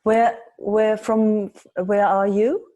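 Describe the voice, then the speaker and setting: Woman facilitator on a video call, super slow, mellow low voice, calm and reassuring. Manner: soft, reassuring, unhurried. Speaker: meeting host and facilitator. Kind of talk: gentle guided group meeting.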